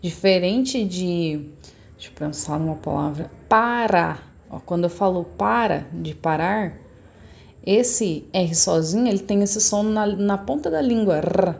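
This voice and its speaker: A woman teacher, talking young pupils through a recorded lesson. Her voice is mellow and a little gravelly, and she explains each step patiently. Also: fairly low pitch, expressive, unhurried. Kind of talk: recorded remote class lesson.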